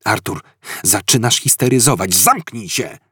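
A man reading an audiobook, voicing a quick-witted alien traveller who pleads and snaps urgently. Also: fairly low pitch, animated, pushed and bright, slightly rough, dry recording, clean studio sound, exaggerated voice. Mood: coaxing.

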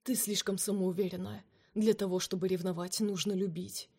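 A woman's voice: medium pitch, little pitch movement, moderate pace, mellow, husky. A bitter, jealous man speaks in cold, cutting tones, sometimes close to a hiss. A woman reader plays him in her own voice for a romance audiobook. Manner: cold, cutting, at times hissed.

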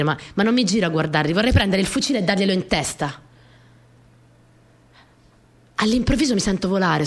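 Here the same role, a small, easily flustered, earnest young courier for the wartime partisans, is played with a light touch in a fairly low voice. The actress narrates her tale in an intimate, expressive radio drama monologue, with a shy, wry mood.

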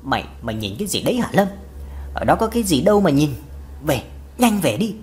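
A woman's voice: lowish voice, big pitch swings, fast talker. Figure: a woman doing a fearful, scolding village mother. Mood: frightened scolding. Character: worried, superstitious village mother.

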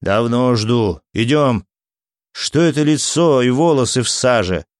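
A man voicing a stern foreign army captain giving brisk commands. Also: medium pitch, lively intonation, no room sound, clean studio sound, natural voice. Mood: commanding.

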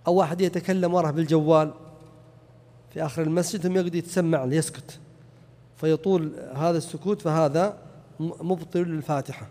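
An Islamic teacher lectures on a religious text, reciting examples to illustrate each point. His voice is fairly high with a dark tone, and the recording has a long hall reverb.

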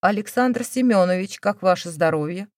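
A woman's voice: mid-range voice, moderate pace, no echo, natural voice. Woman doing a snarky young woman, cold and mocking, dry close audio. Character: sarcastic cool young woman, defiant daughter.

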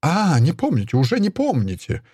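A man voicing a self-righteous Soviet woman official who shouts accusations in a sing-song, triumphant way. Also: mid-range voice, big pitch swings, normal speed, breathy edge, dry recording, studio quality, pitched above the performer's own voice. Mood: triumphant shouting.

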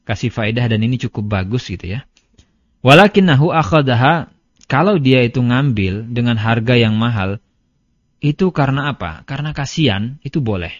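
A man's voice: medium pitch, normal speed, no room sound. A man, a religious teacher, giving a casual lesson in a chatty, storytelling way and reading out Arabic passages. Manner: conversational, storytelling with everyday examples; reads Arabic text aloud. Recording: dull, dry lo-fi lecture recording.

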